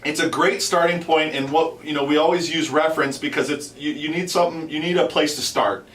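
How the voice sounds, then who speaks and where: A man's voice: a little high, steady tone, fairly quick, fairly bright tone. A man hosting an instructional video in an informal, conversational way, often repeating and rephrasing himself as he explains. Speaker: host and instructor. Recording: roomy echo, distant from the mic.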